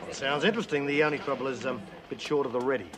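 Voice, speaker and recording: A man's voice: medium pitch, rapid-fire, lightly acted. An actor playing a cocky, easygoing Australian man who is new to the prison. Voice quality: relaxed, laid-back, slangy. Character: cocky easygoing male newcomer, friendly charmer. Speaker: prison newcomer. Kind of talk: TV drama acting.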